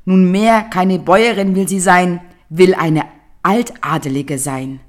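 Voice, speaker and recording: A woman's voice: fairly low pitch, fairly even intonation, slow pace, voice pushed up. A woman voicing a timid old fisherman who meekly pleads with a magic fish in a storybook reading. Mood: pleading. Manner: pleading, meek, bowing.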